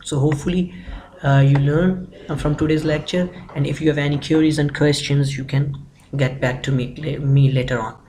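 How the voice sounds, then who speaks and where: A man's voice: fairly high pitch, steady tone, normal speed, darkish tone, poor audio. A man giving an explanatory grammar lecture, methodically working through examples and repeating phrases. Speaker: English grammar teacher.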